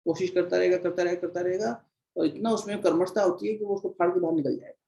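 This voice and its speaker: A man's voice: high voice, steady tone, fast, gravelly, mellow, low-quality recording. A man teaching at a devotional gathering, telling parables and repeating phrases for emphasis. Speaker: spiritual teacher. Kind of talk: devotional discourse.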